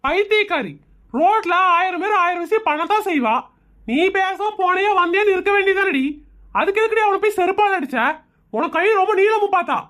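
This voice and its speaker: An exasperated cartoon husband, forever scolding his reckless wife, voiced by a woman. The voice is pitched very high for a man, and he nags in a weary, exasperated tone. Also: a little fast, fairly bright tone. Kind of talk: animated comedy cartoon voicing.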